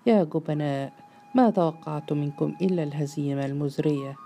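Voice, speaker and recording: امرأة تؤدي دور ابن شاب غاضب متمرد يصيح بسخرية واحتقار في قصة مسموعة. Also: female voice, low-pitched, brisk. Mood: furious. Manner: shouting, scornful. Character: furious, defiant grown son.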